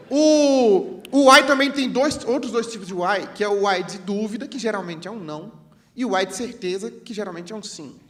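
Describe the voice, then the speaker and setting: A man's voice: very high-pitched, a bit bright. A man explaining regional slang as a comic bit, jokey and playful, acting out the quoted lines, recorded live in a hall. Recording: live hall with audience and background noise.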